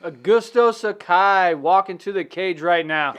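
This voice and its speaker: A man co-hosts a casual podcast, bantering with his brother during a fight night. He talks in an unhurried, drawn-out way and swears freely. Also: high-pitched, a bit bright, clean tone. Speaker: podcast co-host. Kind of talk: casual live-watch chat. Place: home, watching a fight on TV.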